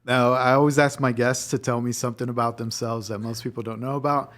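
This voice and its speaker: A man hosting a podcast interview, relaxed, with quick laughs and short replies. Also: medium pitch. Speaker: podcast host. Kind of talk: casual interview.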